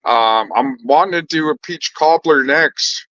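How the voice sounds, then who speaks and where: A man's voice: on the high side, a little slow, fairly bright tone, no echo, lo-fi sound. A man chatting casually on a live stream, answering viewers in a laid-back, slangy way, swearing freely and laughing often as he tells stories.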